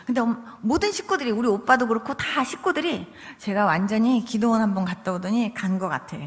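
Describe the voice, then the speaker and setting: A woman pastor giving a testimony sermon, telling her story in an animated way and acting out her own and her family's words. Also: fairly high pitch, long reverb tail.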